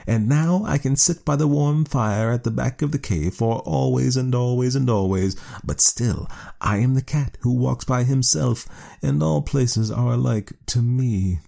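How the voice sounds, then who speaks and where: A man voicing a proud, independent cat in a storybook reading, in a measured, formal cadence. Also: mid-range voice, vocal fry, mellow, voice pushed up. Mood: sly. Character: aloof male cat, sly and self-satisfied.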